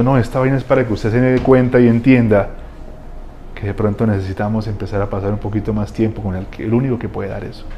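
A man preaching a sermon as a pastor, telling lively, humorous stories full of slang. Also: on the low side, a little hiss or hum.

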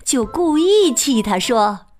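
Woman reading a kids story, high bouncy voice, slow and playful. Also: sing-song, darkish tone, faint music behind. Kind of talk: children's story narration.

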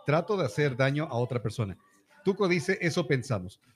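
A man hosts a casual podcast chat. His voice sits a little high, and he talks at length, hesitating often and restarting his sentences. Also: expressive, a little fast.

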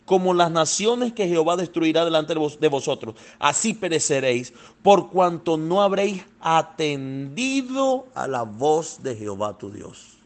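A man preaching a fervent sermon, calling his listeners beloved and swinging between soft passages and loud, thundering ones. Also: on the high side, lively intonation, a little slow. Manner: fervent, addresses listeners as "amado".

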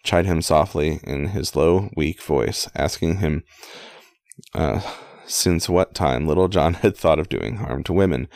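A man reading an old story aloud in a casual, halting way, with restarts and offhand asides. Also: rumbling low, vocal fry, darkish tone, no echo, clean studio sound. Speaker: amateur reader.

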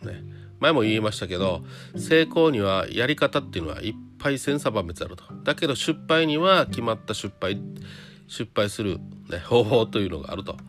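Guy rambling solo to his viewers, lots of little fillers and questions, kinda low voice, guitar music in the background. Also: very animated, normal speed. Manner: chatty, rhetorical questions, frequent "ne" and "un" tag fillers. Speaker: trader talking to viewers. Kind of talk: casual solo monologue.

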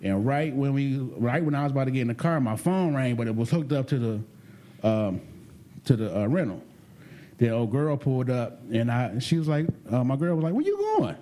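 A man with a mellow, warm voice chats casually on a podcast. He tells his story in a lively, profane way, pitched at an ordinary middle height for a man. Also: normal speed. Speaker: podcast co-host telling a vacation story. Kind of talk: casual chat.

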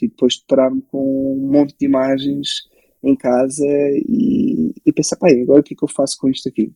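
A young photographer and filmmaker, born in Belgium and raised in Portugal from age six, speaks casually as an interview guest with a European Portuguese accent. His medium-pitched voice is very dark and mellow, gravelly with creak and a husky edge, as he tells his story conversationally. The audio is poor and has no room sound.

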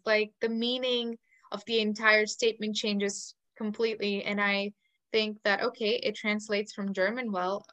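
A woman's voice: mid-range voice, a bit bright. Thoughtful woman. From India. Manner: thoughtful, questioning. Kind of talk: casual discussion.

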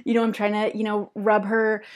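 A woman's voice: mid-range voice, monotone, normal speed, a little mellow. A woman in her fifties hosts her own podcast and tells a long personal story in a loose, chatty way. She rambles, stops to restart her sentences and fills the gaps with ums. She laughs often as she talks. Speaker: podcast host.

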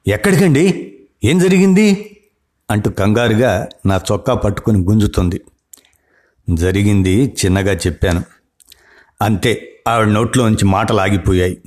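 Guy reading out a dramatic first-person story, lowish voice, acts out the people talking. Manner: dramatic first-person telling, voicing the characters. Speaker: narrator. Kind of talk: storytelling narration.

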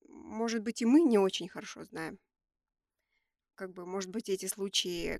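A woman's voice: mid-range voice, dry recording, studio quality. A woman co-hosting a conversational podcast, sounding nasal with a stuffy nose from a cold. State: has a cold. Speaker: podcast co-host. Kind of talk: conversational podcast discussion with prepared facts.

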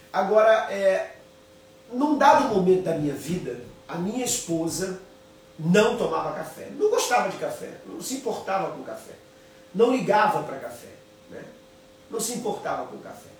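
Male pastor, fairly high voice, storytelling sermon, echoey room from a distance. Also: vocal fry, slight background noise. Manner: storytelling, repeats phrases for emphasis. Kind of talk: sermon with personal stories. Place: home office. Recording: echoey room, voice from afar, faint ambience.

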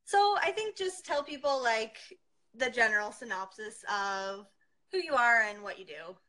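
Young female interviewer, very bright voice on the high side, playful and informal. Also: animated, moderate pace. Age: young adult. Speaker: host, interviewer. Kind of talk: casual chat. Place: video call.

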